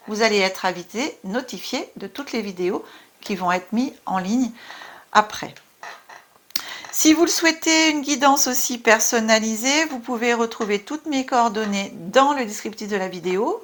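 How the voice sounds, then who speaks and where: A woman with a French accent giving a casual spiritual card reading, chatty and full of fillers. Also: a little high. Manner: warm, chatty, many fillers and asides. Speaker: tarot card reader.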